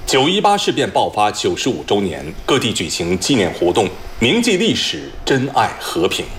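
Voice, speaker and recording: A man reading scripted news as a formal anchor, measured and solemn, in standard Mainland Mandarin. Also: mid-range voice, wildly swooping pitch, a bit bright, slight background noise. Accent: standard Mainland Chinese Mandarin.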